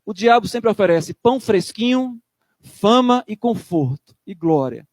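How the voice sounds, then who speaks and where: Male pastor, emphatic sermon delivery, high voice, dry close sound. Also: lively intonation, measured pace, darkish tone, dry recording. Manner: emphatic preaching, acts out church members in quotes.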